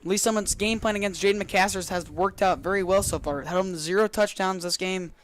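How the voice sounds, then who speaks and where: A man's voice: sits high, brisk. A man working as a color commentator on live football, enthusiastic and emphatic, repeating his phrases for punch.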